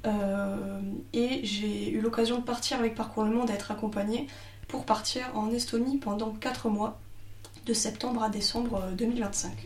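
A woman's voice: a little high, fairly even intonation, moderate pace, recorded from a distance. A woman in her twenties answering as a radio guest, casual and slightly hesitant. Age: 20s. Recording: echoey room, faint ambience.

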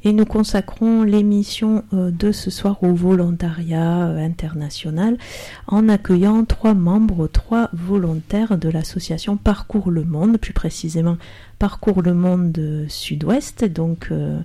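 A woman's voice: fairly low pitch, measured pace, warm tone. A woman hosting a radio talk show in a studio, introducing guests with hesitant fillers.

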